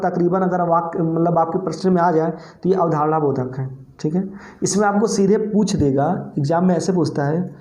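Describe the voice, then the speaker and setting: A man's voice: sits high, mellow, reverberant. A male teacher giving an exam-prep grammar lesson, explaining step by step and asking and answering his own questions.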